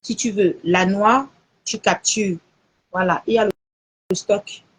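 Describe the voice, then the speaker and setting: A woman's voice: medium pitch, unhurried, breathy edge. A woman chatting casually on a live stream, answering viewer messages and quoting prices.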